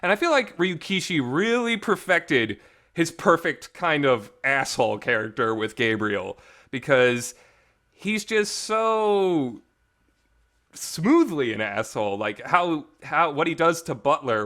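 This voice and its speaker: A fairly high, sing-song voice, bright and forceful, comes through a little slowly. The man is hosting a casual visual novel talk show, giving an enthusiastic, emphatic and informal fan review, with some reverb on the recording.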